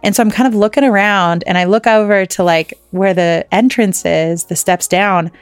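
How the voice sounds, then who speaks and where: A woman's voice: mid-range voice, steady tone, moderate pace, clear, resonant tone, no echo, faint music behind. A woman co-hosting a podcast, telling stories in casual chat with lots of "like" and free swearing. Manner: chatty storyteller, swears freely, lots of "like". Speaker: podcast co-host.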